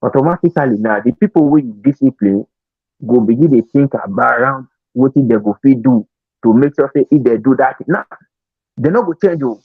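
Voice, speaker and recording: A man with a Nigerian accent explaining his points step by step in casual Nigerian Pidgin, with a rough-edged voice. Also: medium pitch, animated, fairly quick. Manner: explanatory, reasoning through examples. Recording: roomy, tinny phone-like sound.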